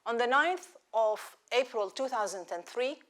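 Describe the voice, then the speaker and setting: A woman in her sixties from Iraq, raised in Israel, telling her life story in a measured, reflective talk with rhetorical questions. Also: on the high side, expressive, fairly bright tone. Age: 60s. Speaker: speaker at a live lecture event.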